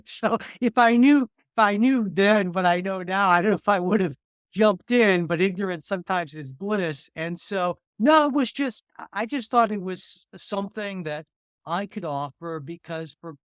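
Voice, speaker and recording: A man's voice: sits high, moderate pace, fairly bright tone, smooth, no room sound, clean studio sound. A man who teaches political science and hosts a podcast, giving earnest, reflective interview answers, often repeating words as he thinks.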